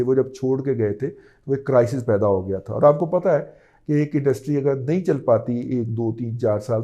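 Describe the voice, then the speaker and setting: A man's voice: mid-range voice, dark tone. A man, giving an emphatic news-analysis monologue as a political commentator, often checking in with the listener.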